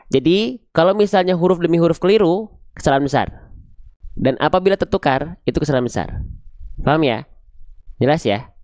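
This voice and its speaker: Guy teaching quran letter sounds live, firm n direct, smooth clear voice, dry close mic. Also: medium pitch, a little mellow, no echo. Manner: firm, direct, repeats points and asks "paham ya?". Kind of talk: live online tajwid lesson.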